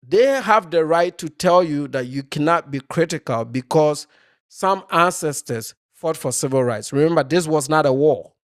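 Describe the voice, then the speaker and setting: A man's voice: on the high side, animated, normal speed, no room sound, studio quality. A man giving opinionated commentary off the cuff, arguing emphatically and often checking in with a short tag question. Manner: emphatic, argumentative, checks in with "okay?" and "right?".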